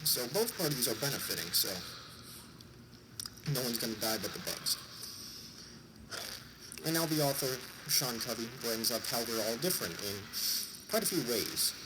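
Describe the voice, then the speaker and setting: Stuffy-nosed man explaining over clear background noise. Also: mid-range voice, lively intonation, normal speed, long pauses. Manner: jokey, irreverent asides. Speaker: vlogger summarizing a book. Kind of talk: informal explainer talk to an audience.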